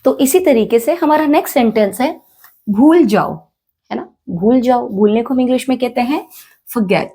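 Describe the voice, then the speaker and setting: A woman with an Indian accent teaching a spoken English lesson, slowly repeating each phrase and quizzing the learners. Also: a little high, animated, warm tone, slightly rough. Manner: slow, repeats each phrase, asks the class questions.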